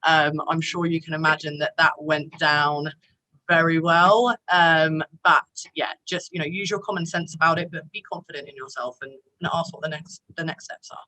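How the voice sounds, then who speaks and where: A woman's voice: deep voice, steady tone, normal speed, few pauses, sharp tone, poor audio. A woman giving a conversational, encouraging presentation as a speaker at a career talk.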